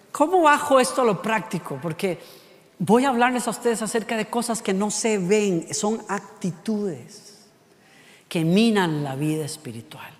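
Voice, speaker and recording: A man with a Costa Rican accent delivers a sermon in a high voice. He fires off rhetorical questions, slowing down and dropping his volume for emphasis. The long reverb of a hall trails his words. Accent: Costa Rican Spanish. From Costa Rica. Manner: rhetorical questions, shifting pace and loudness for emphasis. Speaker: preacher.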